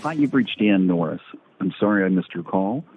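A man's recorded answering machine greeting, polite and even, heard over a phone call. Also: deep voice, moderate pace, faint music behind. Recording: muffled phone line.

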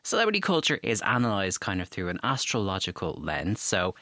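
A man's voice: low voice, huge pitch swings, brisk, pushed and bright, dry recording, clean studio sound. An Irish man hosting a podcast, introducing the show and chatting casually with his guest. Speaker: podcast host.

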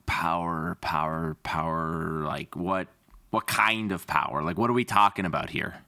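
A man's voice: deep voice, moderate pace, sharp tone, dry recording, heavily acted. A man playing a nervous, rambling male job applicant in a comedy sketch at a villain empire's hiring office. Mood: hesitant. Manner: rambling, hesitant and joking.

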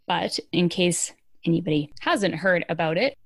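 Creaky, lower-pitched woman hosting a podcast. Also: animated, moderate pace, no room sound, studio quality. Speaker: podcast host. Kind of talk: casual conversational news commentary.

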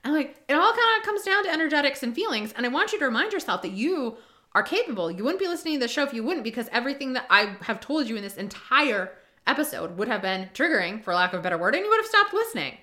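A woman's voice: high-pitched, big pitch swings, fast talker, pushed and bright. A woman from Rhode Island hosting a podcast, riffing emphatically in a casual monologue with lots of asides. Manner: emphatic, repeats key lines, riffs with many asides. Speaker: podcast host.

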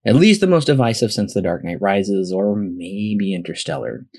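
A man's voice: fairly low pitch, expressive, moderate pace, a little mellow, husky. A man hosting a podcast, reading scripted film facts and methodically running through rankings and figures. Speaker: podcast host.

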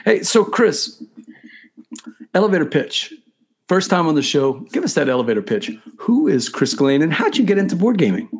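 Chatty male talk show host, slightly husky. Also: on the high side, very animated, moderate pace. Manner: chatty, casual, addresses viewers directly. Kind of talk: upbeat live talk show hosting.

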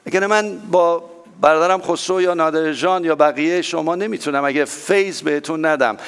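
A male pastor preaching a sermon with strong swings in loudness and pitch, repeating phrases for emphasis. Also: smooth.

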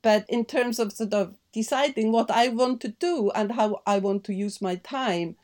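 A woman's voice: a little high, moderate pace, a little mellow. A middle-aged woman from Iceland with an Icelandic accent, answering interview questions thoughtfully, with many fillers and restarts. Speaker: guest. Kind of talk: podcast interview conversation.

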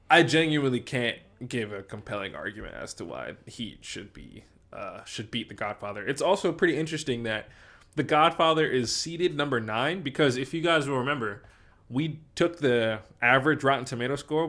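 A man with a medium-pitched, fairly bright voice co-hosts a casual movie podcast, rambling and swearing freely while weighing up films for a bracket.

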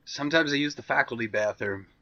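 A man's voice: mid-range voice, quick pace, pushed and bright, dull audio, a little hiss or hum. A man playing a tabletop game in character, sly and offhand. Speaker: player.

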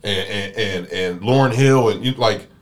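A man's voice: on the low side, a little slow. A man hosting a casual interview, asking loose, rambling questions with repeated words. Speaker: interview host.

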